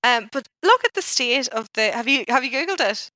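A woman with a Northern Irish accent co-hosting a podcast, talking in a chatty, animated and informal way. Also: a little high, fairly quick, no echo. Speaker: podcast co-host. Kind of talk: casual podcast chat.

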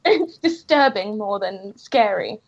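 A woman's voice: medium pitch, expressive, takes it slowly, muffled recording. A woman, a comic creator, chatting on a podcast and rambling through anecdotes with giggles. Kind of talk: casual podcast chat.

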